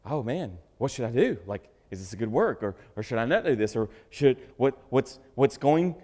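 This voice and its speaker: A man preaching a sermon, joking with the congregation and swinging from loud bursts to hushed asides. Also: medium pitch, very animated, normal speed. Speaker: pastor. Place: church sanctuary. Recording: reverberant hall.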